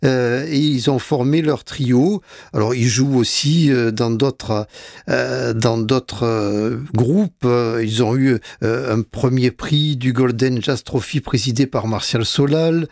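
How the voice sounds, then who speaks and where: Slow, hesitant man on radio. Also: medium pitch, fairly even intonation, gravelly, a little mellow, no echo, studio quality. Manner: hesitant, many fillers and restarts. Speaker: radio music columnist. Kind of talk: casual radio music chat.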